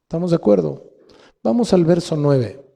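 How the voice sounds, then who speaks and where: Man, Mexican Spanish accent, pastor, sermon, rhetorical questions, slightly high voice. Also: animated, moderate pace, vocal fry, dark tone. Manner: preaching with rhetorical questions to the congregation. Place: church hall. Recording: long hall reverb.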